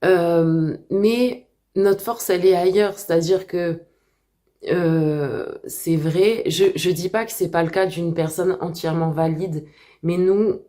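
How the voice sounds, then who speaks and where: A woman chatting casually to camera as a book vlogger at home, hesitant and full of filler pauses. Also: fairly low pitch, steady tone, warm tone.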